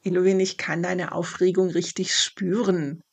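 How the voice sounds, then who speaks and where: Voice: mid-range voice, flat delivery, moderate pace, vocal fry, husky. A storyteller voicing an eager young village girl. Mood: heartfelt. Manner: encouraging, heartfelt. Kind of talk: storybook narration.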